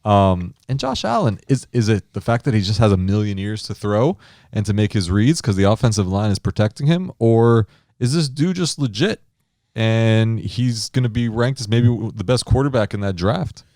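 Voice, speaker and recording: A man's voice: fairly low pitch, animated, moderate pace, a little mellow, no echo, clean studio sound. A man co-hosting a casual sports podcast, joking and laughing as he recaps scores. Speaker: podcast co-host.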